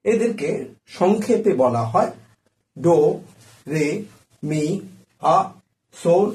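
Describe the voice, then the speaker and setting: A man teaching a music lesson, naming notes one by one in a measured, explanatory way. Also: on the high side, expressive, a little mellow. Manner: measured, spells out note names one by one. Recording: echoey room.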